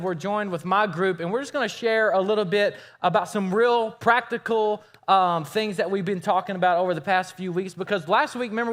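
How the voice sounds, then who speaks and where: Man, 30s, youth pastor, high-pitched and pumped, addressing a teen crowd. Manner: energetic, hyped, teasing.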